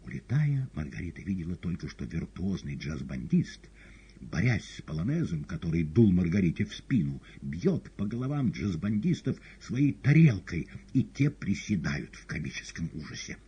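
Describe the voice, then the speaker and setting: A man narrating a novel as an audiobook in an expressive, dramatic reading. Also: low voice, moderate pace, lo-fi sound, slight background noise. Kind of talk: scripted literary narration.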